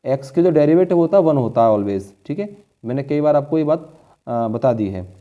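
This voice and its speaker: A man's voice: fairly high pitch, animated, moderate pace, narrow, tinny audio. A man teaching a board-exam maths lesson, explaining each step patiently and checking in with his students often. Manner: addresses students as children.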